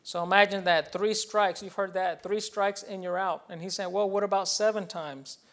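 A man's voice: high-pitched, fairly even intonation, measured pace, a bit bright. A man preaching a sermon as a pastor, explaining a passage and then repeating the point in a second language, earnest and teacherly, with hesitant fillers and restarts.

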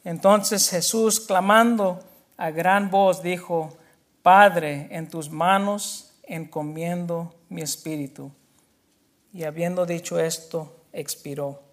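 Pastor, man, high voice, unhurried sermon delivery that swells into forceful emphasis. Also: fairly even intonation. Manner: slow, emphatic preaching, building to loud declarations. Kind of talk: bilingual sermon, Spanish with English restatements.

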